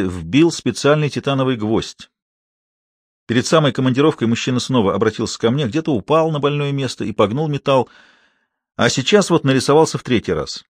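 A man narrating a first-person story in a calm, measured way. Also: mid-range voice, no echo, studio quality. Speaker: audiobook narrator.

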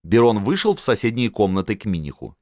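Low guy reading a history novel, super expressive, dry close mic. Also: fast, no echo. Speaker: audiobook narrator. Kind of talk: scripted narration of a historical novel.

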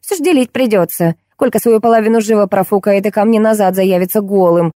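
A woman reading an audiobook, voicing a shrill, scolding middle-aged wife fed up with her drunk husband. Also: fairly quick, warm tone, no room sound, clean studio sound, natural voice. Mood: scheming.

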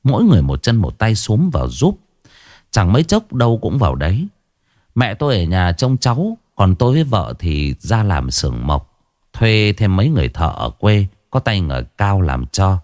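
A man narrating a ghost story in the first person with expressive, rising and falling delivery. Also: on the low side, moderate pace, no echo, studio quality.

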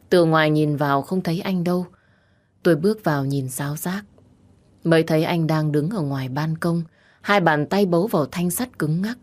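A woman narrating a first-person romance story as an audiobook, in a steady, emotional reading. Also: deep voice.

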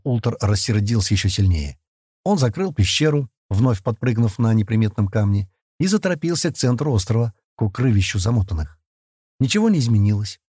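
A man reading an adventure novel as an audiobook narrator, with expressive storytelling. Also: lowish voice, breathy edge, no echo, studio quality. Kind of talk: scripted narration.

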